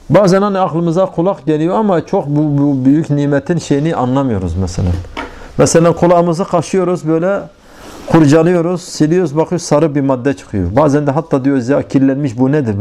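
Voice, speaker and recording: Bir erkek din öğretmeni, sohbet havasında bir vaaz veriyor; gündelik örneklerle ve sorularla anlatıyor, araya Arapça ibareler okuyor. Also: male voice, on the high side, mellow. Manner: conversational, explains with everyday examples and rhetorical questions; recites Arabic phrases between Turkish explanation. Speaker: religious teacher. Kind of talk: informal religious lesson.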